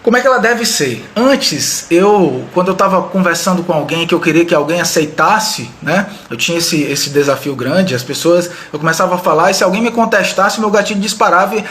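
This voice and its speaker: A man's voice: high voice, brisk, few pauses, fairly bright tone, slight background noise. A man giving a live online leadership training, talking conversationally and addressing viewers directly with frequent tag questions. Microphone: video call style webcam mic.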